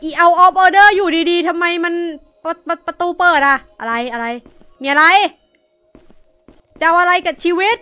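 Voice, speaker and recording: Bright, high-voiced young woman gaming. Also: animated, measured pace, faint music behind. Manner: chatty, jumpy, swears when startled. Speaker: VTuber streamer. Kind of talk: horror game let's play.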